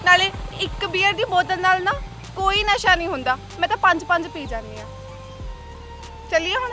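A woman's voice: extremely high pitch, moderate pace, music in the background. A young woman playing a bold, defiant biker girl who teases and talks tough. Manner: brash, teasing, sharp-tongued. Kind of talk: Punjabi short film acting.

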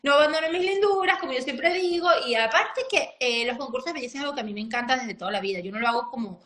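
A woman's voice: high-pitched, animated, fast talker, a bit bright. A woman chatting casually on a live stream over a video call, effusive and gushing.

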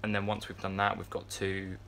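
In a yacht crew area with a fan running, a man in his twenties chats casually to a phone camera held at arm's length, vlog-style, rambling with plenty of fillers and restarts. His deep voice is delivered completely flat and brisk, with vocal fry and a pushed, bright quality. A little hiss or hum sits under the recording.

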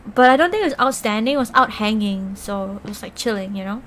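A woman's voice: medium pitch, fast, fairly bright tone, a little hiss or hum. A young woman, chatting casually with her viewers while she eats. She rambles and giggles, leaning on "like" constantly. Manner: rambling and giggly, heavy use of "like". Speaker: Twitch streamer.

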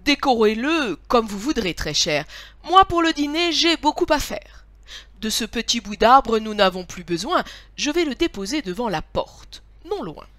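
Busy mama bear, practical and brisk, from a woman reader. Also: on the high side, very animated, fairly bright tone, dry recording.

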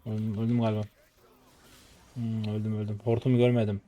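A man's voice: on the low side, little pitch movement, fairly quick, dark tone, dull audio. A man in his twenties from Turkey, streaming his gameplay live and commenting in frustrated mutters and sudden outbursts. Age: 20s. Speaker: game streamer.

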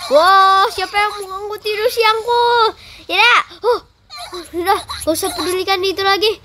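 A performer voicing an excitable young game character in a role-play, crying out in frantic panic. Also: extremely high pitch, normal speed, background noise. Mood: panicky.

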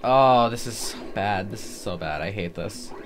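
A gaming commentator does casual let's-play commentary, poking fun at himself and groaning and pleading with the video game as he plays. His lowish voice is expressive and measured in pace, with a little hiss or hum and faint game music behind him.

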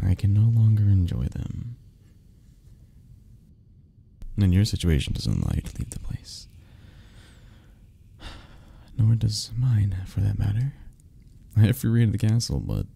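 Heavily acted, this ASMR roleplay has a man portraying a lonely, sad vampire who speaks softly and hesitantly with a gentle, wistful temperament. The low, gravelly voice carries a resigned mood.

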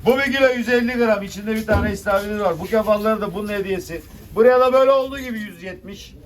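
High-pitched male fish auctioneer, distant noisy recording. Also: quick pace. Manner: chanting rising bids, familiar with buyers. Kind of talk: auctioneer calling out bids to a crowd. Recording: distant noisy mic with clicks, birds.

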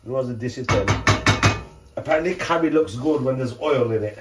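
Cooking at home, this middle-aged vlogger narrates in a chatty way, joking, thinking out loud and quizzing himself. He talks fast in a mid-range voice. The camera follows over his shoulder around the counter, with frying and faint background noise audible.

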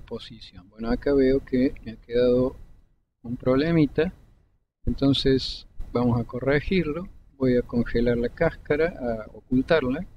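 This man teaches 3D modeling, narrating a screen-recorded tutorial step by step in a calm voice and stopping briefly between clicks. The audio is dull and lo-fi, picked up by a desktop microphone with a slight rumble.

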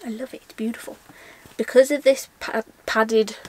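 Fairly high but husky and a little mellow, her voice holds a steady tone at normal speed. The young vlogger chats through a haul indoors among shelves of backpacks, putting questions to herself aloud and laughing at her own lapses of memory.

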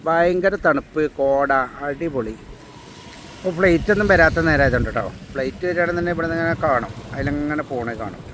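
Man, slightly high voice, Malabar Malayalam accent, English words mixed in, slangy, enthusiastic, casual travel vlog, noisy windy outdoor recording. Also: fast talker. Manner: enthusiastic, slangy, repeats exclamations. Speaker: travel vlogger. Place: outdoors at a windy hilltop viewpoint at night. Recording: loud windy outdoor noise.

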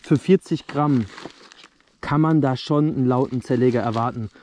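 Filmed on an action camera at dusk, a young fireworks reviewer talks to his audience in a relaxed, chatty way from an open patch of dirt outdoors. His voice is medium-pitched and a little mellow, his pace moderate, with slight background noise.

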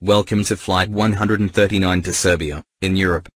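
A man doing a deep-voiced pilot over the intercom. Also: moderate pace, husky, no room sound. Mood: formal. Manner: flat synthetic text-to-speech delivery. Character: male airline pilot, polite and formal. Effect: in-flight intercom announcement.

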